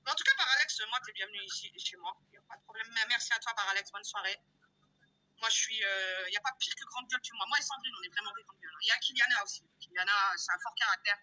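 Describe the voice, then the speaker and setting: A woman hosting a live stream, ranting loudly and confrontationally, hurling insults and repeating herself for emphasis. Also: fairly high pitch, fast talker, poor audio. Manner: loud-mouthed, insulting, confrontational; repetitive, emphatic, addresses viewers directly. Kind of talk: heated live-stream rant.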